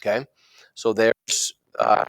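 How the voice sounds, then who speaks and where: A man's voice: lowish voice, little pitch movement, slow, vocal fry, no room sound, poor audio. A man teaching a math lesson online, his faulty microphone making the audio choppy and cutting out, often checking in with "right?". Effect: choppy audio cutting out from a faulty mic. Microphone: desk microphone.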